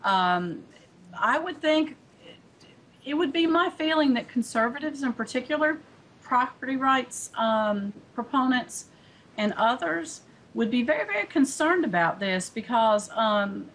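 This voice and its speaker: A woman's voice: sits high, animated, measured pace, a bit bright, low-quality recording. A woman speaking as an environmental advocate in a remote news interview, earnest and full of fillers and restarts. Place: remote studio link.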